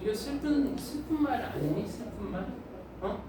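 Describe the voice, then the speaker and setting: A man's voice: extremely high pitch, sing-song, moderate pace, noisy background. Guy teaching english in a big echoey room, mic kinda far, flips between english and korean, keeps asking the class questions. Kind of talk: lecture, explaining an English passage.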